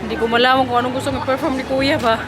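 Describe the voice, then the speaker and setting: A woman's voice: sits high, level tone, very fast, loud music behind the voice. A young Filipina woman with a Filipino accent, chatting casually and giggling in a travel vlog, mixing in English. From Philippines. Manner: chatty, giggly, mixes English into her talk. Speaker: vlogger. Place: busy city streets and shops. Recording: noisy street phone recording. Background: crowd and traffic noise.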